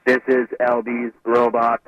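A man's voice: medium pitch, monotone, a little slow, highs cut off, natural voice. A man doing a glitching robot voice. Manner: stiff, repetitive glitching robot speech. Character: malfunctioning male robot calling in sick. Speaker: voicemail caller.

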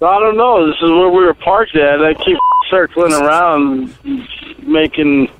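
A man's voice: a little high, unhurried, very noisy. A tipsy man leaving a rambling voicemail for a radio show, heard over a phone line. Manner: rambling and repetitive. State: tipsy after drinks.

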